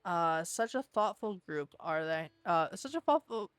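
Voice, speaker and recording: A woman's voice: on the low side, lively intonation, a little slow, clear, resonant tone, no room sound. A woman voicing a worried, polite middle-aged father who is looking for his son, reading a visual novel aloud.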